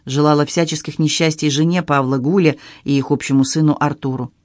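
A man's voice: on the high side, steady tone, brisk, no room sound. Man narrating an audiobook, dry sound. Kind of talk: scripted narration.

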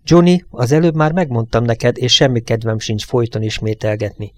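A man voicing a hard, impatient truck driver who talks in a gruff, scolding way. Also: medium pitch, expressive, a little mellow, natural voice. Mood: stern.

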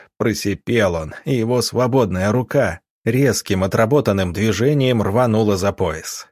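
Male audiobook narrator, husky, fairly low, dry close sound. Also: dry recording.

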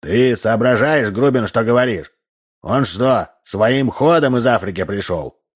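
A fussy old man lectures slowly and pedantically, weighing each word as if reading from a book, as a narrator puts him on. The storybook voice sits a little above the narrator's low tone. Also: lively intonation, husky. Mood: lecturing. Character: fussy know-it-all old man Lozhkin.

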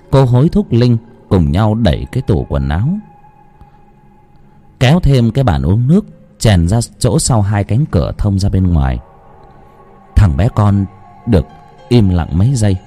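A man's voice: on the low side, warm tone. A man who chats casually with listeners and then reads a horror story aloud in a grave, dramatic voice. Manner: chatty and joking in the intro, grave when reading.

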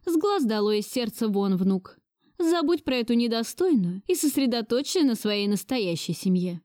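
A woman's voice: animated, moderate pace, mellow, dry recording, studio quality, close to an everyday voice. A woman voicing a domineering, wealthy old grandmother who scolds in an imperious tone. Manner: shrill, imperious reproach. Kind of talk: audiobook dialogue reading.

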